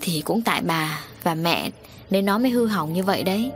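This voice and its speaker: A woman voicing a stern middle-aged man who runs a harbor crew, gruff and scolding, read as part of an audio story. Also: lowish voice, animated, moderate pace, music in the background, lightly acted.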